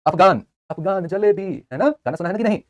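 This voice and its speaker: A man's voice: sits high, expressive, fairly quick. A young man teaching a live online class, chatty, joking between facts and repeating answers for students.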